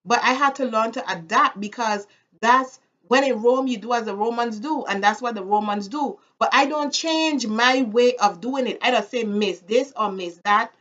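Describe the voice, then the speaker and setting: With the highs cut off, the recording holds a slightly high, somewhat bright voice at normal speed. The speaker is a woman from the Virgin Islands with a Caribbean accent, talking casually and personally to camera. Her views are strong, and she repeats phrases for emphasis.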